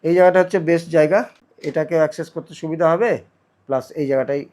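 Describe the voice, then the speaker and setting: This vlogger speaks rapid-fire in a slightly high voice with a darkish tone. Showing how to install a product, he keeps the instruction casual and step by step, frequently saying the same phrases again.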